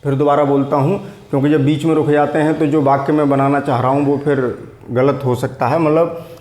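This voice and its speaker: Echoey, fairly high-voiced male teacher. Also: flat delivery, a little mellow. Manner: patient, repeats and dictates slowly. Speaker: physics teacher. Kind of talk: whiteboard physics lesson.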